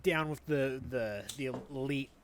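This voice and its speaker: A man's voice: mid-range voice, measured pace, a little hiss or hum. A young man co-hosting a podcast in casual chat, often stammering and restarting as he weighs his opinions. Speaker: podcast co-host.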